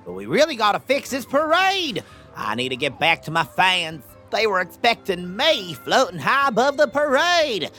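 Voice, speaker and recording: A woman's voice: medium pitch, big pitch swings, moderate pace, a bit bright, faint music behind. A woman voicing a small, sassy, boastful alien creature in a children's audio story.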